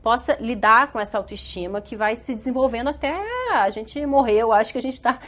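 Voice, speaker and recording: A woman's voice: fairly high pitch, fairly quick, a bit bright. A Brazilian woman speaking as a guest on a studio talk show, hesitant, with many fillers and restarts. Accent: Brazilian Portuguese. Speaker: guest specialist.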